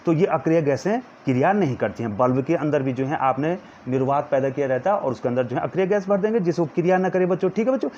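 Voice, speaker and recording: A man teaching a physics lesson to students, slowly dictating notes and pointing at a diagram as he explains. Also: on the high side, mellow. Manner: calls students "children" in nearly every line, repeats words slowly for dictation. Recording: dull lo-fi sound with faint background noise.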